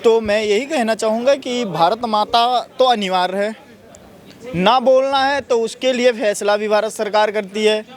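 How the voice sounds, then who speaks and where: A man answering a street interview outdoors in a city, arguing in measured, halting phrases. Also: high voice. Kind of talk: street vox pop.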